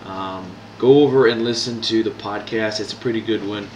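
A man's voice: on the low side, fairly even intonation, moderate pace, a little hiss or hum. A man hosting a podcast, giving a casual movie review with frequent ums and restarts. He has no proper microphone, so his voice sounds echoey. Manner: hesitant, many ums and restarts. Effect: echoey room sound. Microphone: no proper microphone, built-in device mic. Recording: echoey room, voice far from mic.

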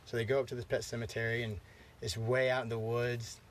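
A man with a stuffy, congested voice retells horror films in a loose, profane ramble full of "like" and "um." He sits at a middle pitch with faint background hiss. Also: level tone, fairly quick. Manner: rambling, profane, lots of fillers. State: congested, clearing throat. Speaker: podcast host. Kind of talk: casual chat, storytelling.

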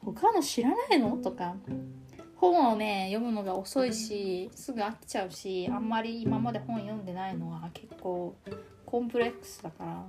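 A young woman in her twenties co-hosting a casual chat, playful and giggly, trailing off softly. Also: mid-range voice, normal speed, music in the background. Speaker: podcast co-host.

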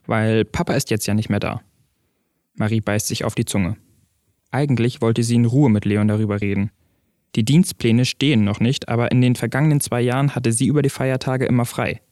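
A man tells a story in calm, even scripted narration. His voice sits in a middle range. The recording is dry and close, with no room sound. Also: medium pitch, brisk, no room sound.

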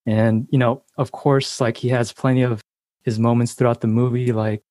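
A man's voice: medium pitch, little pitch movement, normal speed, a little mellow, dry recording. Enthusiastic man full of fillers, dry. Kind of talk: casual debate chat.

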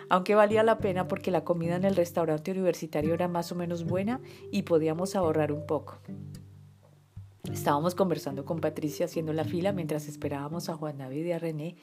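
Woman narrator, soft low voice, intimate storytelling, guitar music behind. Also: a little fast. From Colombia. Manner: soft, intimate, drops to whispers.

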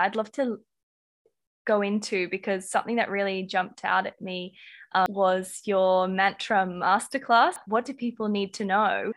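A woman's voice: mid-range voice, fairly bright tone. A woman with an Australian accent hosting a podcast interview, effusive and full of ums. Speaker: podcast host.

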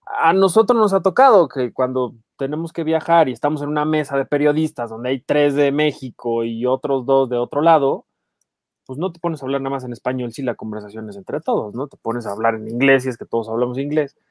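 A man with a Mexican accent co-hosting a podcast, telling anecdotes in a lively, casual way and acting out voices. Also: medium pitch, brisk, no room sound, studio quality. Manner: animated anecdotes, acts out quoted voices. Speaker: podcast co-host, film journalist. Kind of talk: casual chat, storytelling.

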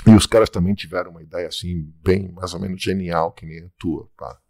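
A man's voice: low voice, fairly even intonation, a little fast, creaky, darkish tone, no echo. A man in his sixties with a Brazilian accent, hosting a casual podcast chat and teasing his guests with slang. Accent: Brazilian Portuguese. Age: 60s. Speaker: podcast host.

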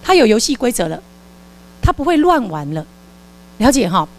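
A woman's voice: a little high, normal speed. A woman giving a live parenting lecture and acting out a scolding parent with a volunteer. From Taiwan. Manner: lively, acts out scolding parent lines. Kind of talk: live lecture with stage role-play.

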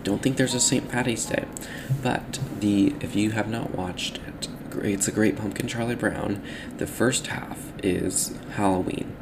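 A young man hosting a casual solo podcast, talking in a halting, rambling, self-correcting way, with a slightly metallic, robotic sound from the microphone. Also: fairly low pitch, fairly even intonation, background noise. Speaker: podcast host.

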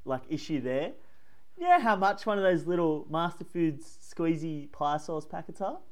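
Man, higher voice, casual podcast chat. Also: expressive, normal speed. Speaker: podcast co-host.

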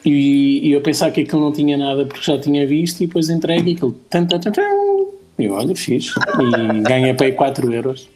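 A man's voice: mid-range voice, brisk, darkish tone. A man with a European Portuguese accent chatting casually as a co-host, telling anecdotes in a rambling, self-deprecating way. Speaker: talk show co-host.

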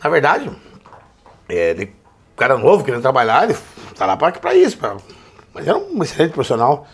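Husky, lively man. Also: mid-range voice, brisk. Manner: animated storyteller, mimics people in quotes. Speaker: podcast guest, former footballer. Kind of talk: casual storytelling chat.

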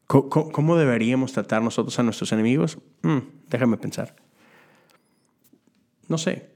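A man's voice: mid-range voice, creaky, darkish tone. A man gives a conversational sermon as a Methodist preacher, asking rhetorical questions and adding casual asides.

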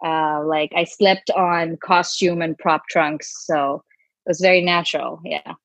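A woman's voice: sits low, steady tone, unhurried, gravelly, no echo. A woman from Bangladesh, an actor guest, chatting casually and self-deprecatingly with lots of fillers. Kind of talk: casual interview chat.

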